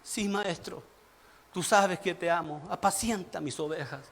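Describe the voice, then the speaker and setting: A man voicing a remorseful, defeated male fisherman disciple in a low, subdued murmur within his sermon. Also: measured pace, a bit bright, breathy edge, full character voice. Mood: tender.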